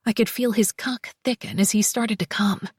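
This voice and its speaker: A woman narrating a first-person romance audiobook, soft and slow, with breathy whispered passages. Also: mid-range voice, fairly even intonation, no echo, clean studio sound.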